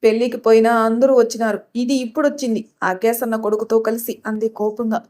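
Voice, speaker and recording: A woman's voice: fairly high pitch, level tone, fairly quick, close to an everyday voice. A woman voicing an angry, strict middle-aged village mother who scolds her daughter. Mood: scolding. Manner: scolding, shouting.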